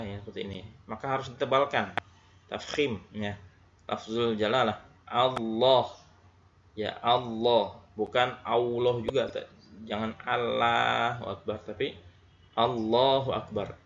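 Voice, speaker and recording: A man from Indonesia giving a religious lesson, who tags his phrases with a frequent "ya" and slowly demonstrates Arabic pronunciations. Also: medium pitch, a bit bright. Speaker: Islamic teacher. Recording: dull recording with faint background noise.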